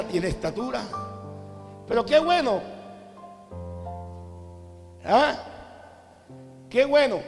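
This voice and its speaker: Male Colombian coastal preacher, high-pitched, storytelling sermon with shouted peaks; long hall reverb. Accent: Colombian Caribbean coast. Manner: storytelling, acting out quotes, rising to shouts. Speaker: apostle preaching. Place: large church cathedral. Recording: long church reverb with faint music.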